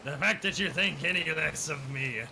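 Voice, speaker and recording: A man's voice: fairly high pitch, normal speed. A man bantering casually in a game, teasing, sweary and given to mock-pirate phrasing. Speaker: gamer, crewmate. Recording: clear game noise behind voice. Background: boat and water game sounds.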